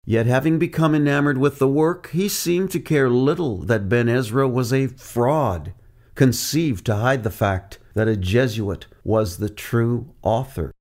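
Speaking as a preacher, this man works through a written teaching narration with careful, measured delivery and reads out quotes from his sources. His medium-pitched voice has a slightly mellow quality.

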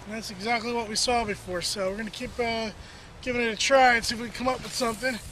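Man in his 30s, high voice, easygoing fishing host, loose and jokey, outdoors on camera mic, faint background hiss. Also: fairly even intonation, fast talker. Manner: easygoing, joking, lots of filler words. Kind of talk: casual outdoor fishing vlog. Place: outdoors by a canal. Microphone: camera mic, medium shot.

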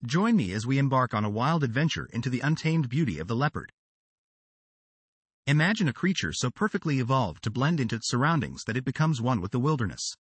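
Man narrating with lively dramatic sweep. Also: medium pitch, fairly quick, breathy edge, dry recording. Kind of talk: scripted wildlife documentary narration.

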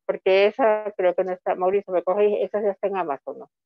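A woman's voice: mid-range voice, steady tone, fast, no room sound, phone-quality sound, soft background music. A woman from Ecuador, a comic author, presenting her books in a rambling, chatty way with many restarts over call audio. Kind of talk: online book fair presentation.

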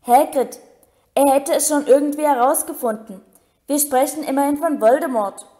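A woman reading aloud as an earnest, insistent young boy wizard, a touch higher than her narration. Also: normal speed, mellow, natural voice.

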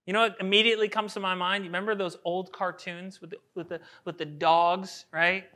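Man, pastor, bright tone, conversational sermon, rhetorical questions, acts out quotes. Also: high voice, flat delivery, a little fast. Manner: acts out everyday quotes in voices. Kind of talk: expository sermon.

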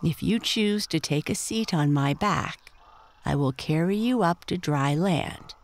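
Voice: medium pitch, unhurried, natural voice. A reader putting on a pompous old frog. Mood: lofty. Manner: lofty, lecturing, chuckling. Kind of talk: storybook character voice.

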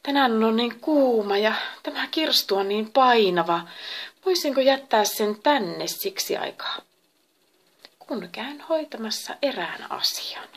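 A woman's voice: fairly high pitch, lively intonation. A woman voicing a tired and worried male god who sighs and pleads anxiously in a storybook reading.

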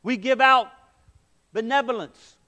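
A man's voice: very high-pitched, measured pace, pushed and bright. A middle-aged man preaching a sermon in a church sanctuary, emphatic, with rhetorical questions, on a headset mic. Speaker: pastor. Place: church sanctuary, medium-sized, indoors.

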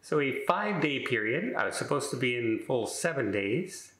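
A man's voice: mid-range voice, sing-song, normal speed, a bit bright, reverberant. Rambling middle-aged man telling a story. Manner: rambling, many filler words and restarts. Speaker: vlogger. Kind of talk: casual storytelling.

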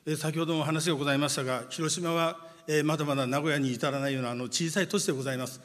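A man with a fairly high voice delivers a formal speech at a podium, measured and punctuated by long hesitation sounds. His words ring out with a long hall reverb. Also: steady tone, fairly bright tone. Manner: measured, with frequent drawn-out "eh" fillers. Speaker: city mayor giving a speech. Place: large conference hall.

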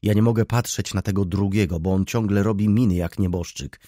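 A man's voice: lowish voice, fairly even intonation, a little fast, warm tone, no echo, studio quality, natural voice. A man voicing a theatrical, complaining middle-aged baroness in an audiobook, with a raised, plaintive tone. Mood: wailing complaint. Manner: plaintive, exclaiming.

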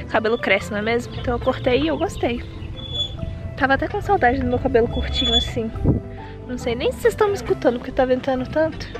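A woman's voice: high-pitched, animated, quick pace, over music. A young Brazilian woman with a Brazilian Portuguese accent, chatting casually to camera in a windy park and cooing at her baby. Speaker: vlogger mother. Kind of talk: casual outdoor vlog.

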